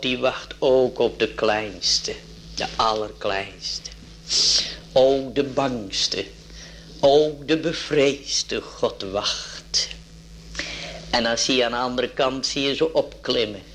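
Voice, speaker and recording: A man's voice: mid-range voice, a bit bright, a little hiss or hum. A man preaching an emotional sermon, drawn out and rising into fervent exclamations.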